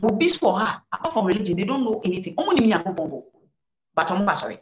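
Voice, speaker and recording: A woman reverend with a Ghanaian accent, appearing as a guest on an indoor studio set, answers interview questions as if preaching, mixing English and Twi and repeating phrases for emphasis. Her medium-pitched voice is sing-song and very fast, and the sound is roomy.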